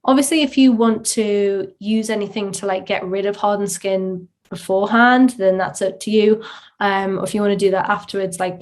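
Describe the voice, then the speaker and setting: A woman hosting a casual solo podcast, chatty with many filler ums and restarts, heard through low-quality microphone audio. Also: darkish tone. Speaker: podcast host.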